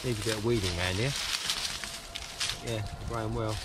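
A man in his fifties with a fairly low voice talks in a relaxed, easygoing way as he works outdoors, pausing with ums while he thinks aloud. The camera sits close by in the open air. Clear outdoor noise from birds and traffic runs underneath. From England. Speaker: allotment gardener and channel host. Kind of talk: casual gardening vlog. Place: outdoor allotment and polytunnel.

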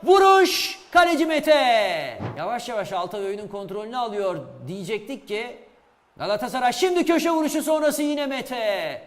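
Very high-pitched excitable male football commentator. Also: moderate pace. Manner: excitable, shouts at goals and chances. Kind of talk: live play-by-play commentary. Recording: reverberant hall sound.

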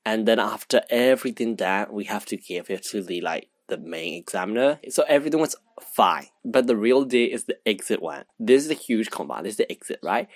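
A young man telling a rambling, excited storytime vlog, with lots of fillers. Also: lowish voice, brisk, vocal fry, no echo. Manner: excited, rambling, heavy use of "like". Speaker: vlogger.

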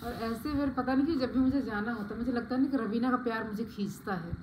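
A woman's voice: a little high, fast, background noise. Chatty woman vlogging in an echoey room. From Faridabad, India. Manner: chatty, talks straight to viewers, many fillers. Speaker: family vlogger. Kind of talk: casual vlog chat to viewers. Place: at home, packing indoors.

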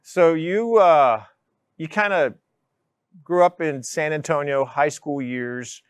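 A middle-aged man hosting a studio interview, relaxed and chatty, with lapel mic. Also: a little high, slow pace, smooth, no echo. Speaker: talk show host. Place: city studio set with sofa chairs.

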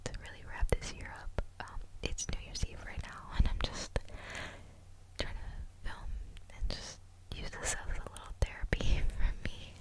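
A woman in her twenties softly whispering an ASMR vlog very close, right in your ear, chatting casually in a rambling, confiding, hesitant way. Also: unhurried, poor audio. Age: 20s. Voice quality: soft unvoiced whisper. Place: small dim room at home, indoors. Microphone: desktop condenser microphone very close to the mouth, binaural.

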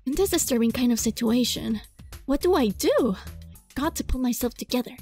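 Her voice sits high at normal speed as she hosts a gaming video and performs a visual novel's text with expression. Casual giggles break in between lines, over background game music.

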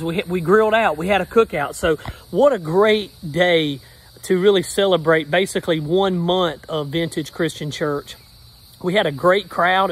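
Male pastor, 30s, fairly high voice, upbeat rhythmic preacher phrasing, phone selfie outdoors. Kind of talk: casual selfie update video. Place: backyard outdoors. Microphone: phone at arm's length.

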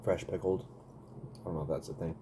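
Eating and talking at once, a man in his thirties reviews food for a casual vlog, humming and smacking between bites. His low voice moves fairly quickly with fairly even intonation. The desk webcam recording in his small room has a noisy background.

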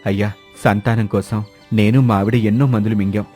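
A man's voice: fairly low pitch, steady tone, brisk, warm tone, natural voice. Cartoon storybook: man voicing a kind rich landlord, earnest and pleading, faint music under.

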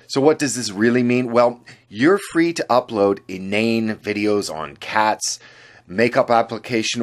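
A man reading scripted commentary as a channel host, sardonic and indignant in manner. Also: on the low side. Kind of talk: scripted political commentary voice-over.

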